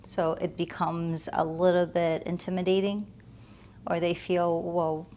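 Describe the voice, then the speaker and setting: Her voice sits on the low side, level, a little slow and mellow, with a little hiss or hum. A realtor being interviewed, she moved from Afghanistan to the United States as a toddler and responds in an earnest, reflective, conversational way, often building emphasis with short listed phrases.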